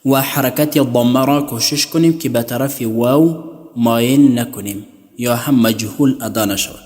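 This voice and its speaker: A man's voice: medium pitch, darkish tone, big-room sound. Man chanting syllable drills. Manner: explains patiently, then chants syllable drills. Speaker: Quran reading teacher. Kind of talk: recorded tutorial lesson.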